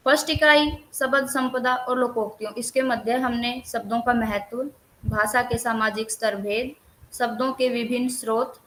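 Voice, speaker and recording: A woman teacher running an online class, going through a list of chapter topics at a steady, even pace. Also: on the high side, a little hiss or hum, rough recording. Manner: lists topics steadily with few pauses. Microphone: computer mic on a video call.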